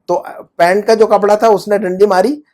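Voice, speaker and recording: A male teacher explains grammar in an unhurried, patient way. He checks his student's understanding with frequent quick questions and repeats key terms until they stick. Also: high-pitched, steady tone, a little mellow. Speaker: Arabic teacher. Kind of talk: explaining Arabic grammar in Urdu.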